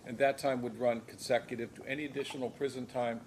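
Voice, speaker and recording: An American man speaking as a judge, formally and procedurally questioning a defendant in a measured way with occasional hesitant pauses. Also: medium pitch, little pitch movement. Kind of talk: formal plea hearing questioning. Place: courtroom. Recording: noisy courtroom recording.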